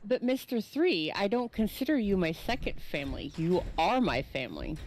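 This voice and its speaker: A woman's voice: medium pitch, big pitch swings, normal speed, darkish tone, slight background noise, rough recording. A woman off to the side of a game stream, giving short, dry replies.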